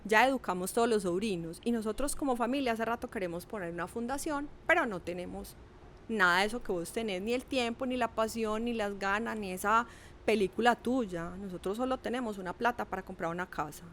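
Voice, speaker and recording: A middle-aged woman, telling a personal story in a lively, animated way with acted quotes. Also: mid-range voice, a little fast, a little hiss or hum. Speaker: podcast guest. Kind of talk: casual storytelling.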